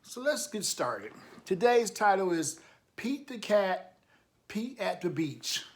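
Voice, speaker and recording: Reading a picture book to children without hurrying, a man with a slightly high voice and big pitch swings stays encouraging and emphatic. As a storytime reader and coach, he breaks from the text to offer remarks and questions to the young audience.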